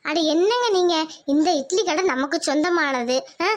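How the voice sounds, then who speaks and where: A woman's voice: sits high, expressive, moderate pace. A woman voicing a spirited, practical young wife in a village cartoon, firm and persuasive.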